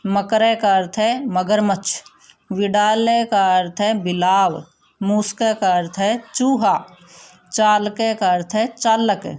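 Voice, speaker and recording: A woman teacher explaining a school lesson slowly and patiently, repeating her instructions. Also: mid-range voice, fairly even intonation, darkish tone. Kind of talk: recorded classroom lesson.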